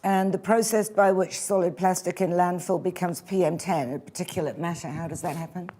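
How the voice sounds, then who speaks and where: A woman on a judging panel asks a contestant direct, brisk questions. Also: fairly low pitch, fairly even intonation, mellow. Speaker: competition judge and questioner.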